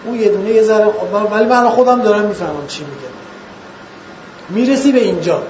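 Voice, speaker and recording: A man lecturing students in an earnest way, asking rhetorical questions and slowing down to stress points. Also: sits high, a little mellow, slight background noise. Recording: echoey, dull lo-fi room recording.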